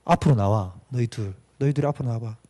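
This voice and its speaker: A man acting out God as a calm, stern voice rebuking two siblings. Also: fast talker, lightly acted. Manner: calm, low and scolding.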